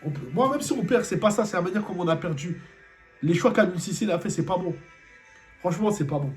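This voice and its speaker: An angry man rants through a football debrief, circling back to the same complaints again and again. His voice sits slightly high, and soft music plays underneath. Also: expressive, fast talker. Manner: angry, repetitive rhetorical questions. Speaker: football vlogger. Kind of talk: post-match debrief rant.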